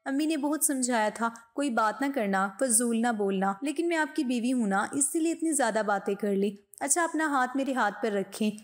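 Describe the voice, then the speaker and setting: A woman playing a chatty, playful young bride in a storybook voice-over. She is teasing and affectionate, with a fairly high, light voice. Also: lively intonation, moderate pace, few pauses, lightly acted. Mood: pleading. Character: chatty, cheeky young bride, loving and devout.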